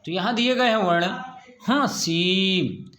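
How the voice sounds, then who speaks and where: A teacher walks students through a grammar lesson, repeating each question and answer in a slow, deliberate rhythm. His voice sits high for a man. The recording carries a noticeable room echo. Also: expressive, fairly bright tone, faint music behind. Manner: slow, drawn-out words with question-and-answer drilling.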